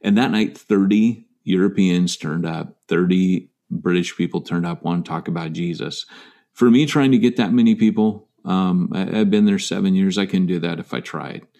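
A man's voice: sits low, moderate pace, gravelly, mellow. An American man, middle-aged, a pastor telling his own story in an interview, earnest and self-deprecating, with many fillers and restarts. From United States.

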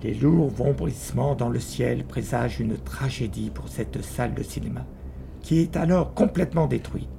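A man's voice: medium pitch, moderate pace, vocal fry, background noise. A man reading scripted narration for a radio documentary serial.

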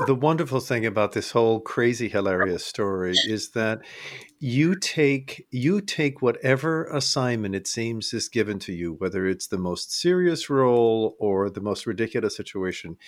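This is a male interview host posing a long, thoughtful question in an earnest, measured way. His intonation rises and falls dramatically over a middle pitch. The recording is dry and close, with no room sound. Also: no echo.

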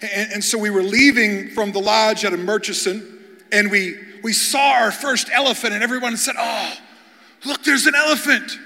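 A man's voice: high-pitched, fairly even intonation, moderate pace, pushed and bright. A man preaching as a guest pastor, telling humorous stories and often repeating words as he starts sentences. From Kentucky, USA. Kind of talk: storytelling sermon. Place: large church hall before an audience. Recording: long hall reverb.

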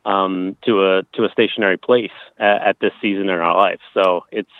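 Low-voiced man on a phone-like line. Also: steady tone, moderate pace, no room sound. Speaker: interview guest. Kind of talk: casual conversational interview, telling personal experiences. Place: outdoors at a campground.

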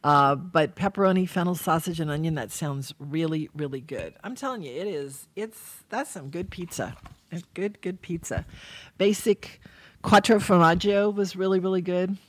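Woman radio host, very low pitch, casual chat, emphatic repetition, dry close studio sound. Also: normal speed, no room sound. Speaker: radio talk show host.

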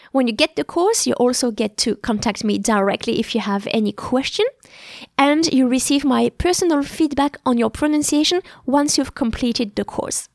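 A woman with a French accent, a native French speaker, giving a clear, explanatory podcast pitch for her pronunciation course. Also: a little mellow, no room sound, studio quality. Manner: clear, explanatory teacher's delivery. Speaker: French teacher and podcast host.

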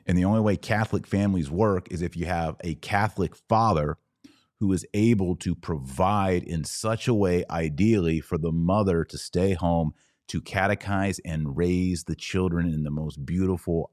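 Responding to live-stream comments like a podcast host, this Texas man speaks at normal speed in a casual, folksy manner, repeating himself to press his points. His very low voice has a darkish tone, recorded up close and dry with no echo.

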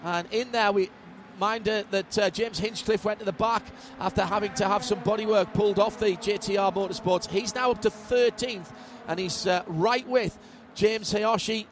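High-pitched male motorsport commentator over engine noise. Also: steady tone, moderate pace. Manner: vivid play-by-play with wry humour. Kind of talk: live motorsport race commentary. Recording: trackside broadcast with loud engine noise. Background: racing cars and trackside ambience.

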